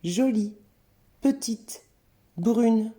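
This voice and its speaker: Woman teacher for a grammar lesson: slow, careful delivery, very warm dark tone. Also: fairly high pitch. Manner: slow, careful, clearly spelled-out word examples. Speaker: French teacher. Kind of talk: scripted lesson narration.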